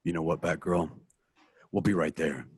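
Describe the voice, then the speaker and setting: A man voicing Batman, a stern, measured adult male crime fighter, in a home-recorded radio play. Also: very deep voice, fairly even intonation, husky, no room sound. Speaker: voice actor in an online radio play.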